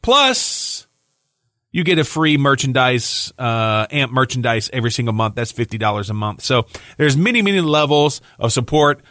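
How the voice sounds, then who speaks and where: A man's voice: medium pitch, lively intonation, brisk, hardly any pauses, a bit bright, no room sound. A man co-hosting a wrestling podcast, reading sponsor plugs and support tiers in a loose, chatty way, tired and yawning. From Louisiana. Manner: chatty, loose, with filler words. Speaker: podcast co-host.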